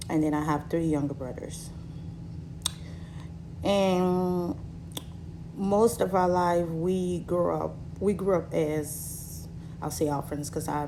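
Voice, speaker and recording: A Cameroonian woman in her thirties, a vlogger, shares her own story with viewers while she recovers from surgery. She speaks haltingly, with lots of fillers, in a low-pitched voice over a noisy background.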